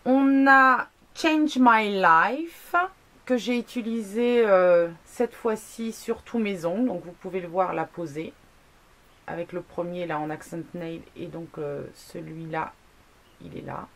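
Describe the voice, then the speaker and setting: A woman's voice: on the low side, fairly even intonation, measured pace, creaky, darkish tone. A woman vlogging a casual product review, chatty, with many fillers, asides and self-mocking jokes. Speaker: beauty blogger.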